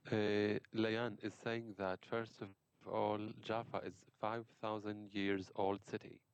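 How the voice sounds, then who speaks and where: A man working as an interpreter, relaying each speaker's words in turn and pausing often with fillers. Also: fairly low pitch, little pitch movement, smooth. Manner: hesitant, many fillers. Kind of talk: consecutive interpreting.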